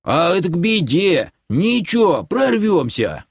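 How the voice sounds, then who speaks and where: A carefree old male creature grandpa, as an audiobook reader puts him on in a high, drawling voice. He talks slowly and unhurriedly, with his pitch bouncing all over the place. The recording is dry and close. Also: sing-song, vocal fry, breathy edge, no room sound, heavily acted. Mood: excited. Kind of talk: audiobook character voice.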